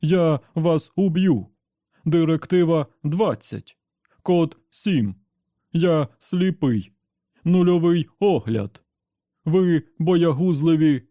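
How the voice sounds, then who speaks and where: A man voicing an enraged, blinded male servant robot who shouts slow, drawn-out threats. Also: a little high, lively intonation, no echo, studio quality, pitched above the performer's own voice. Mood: furious.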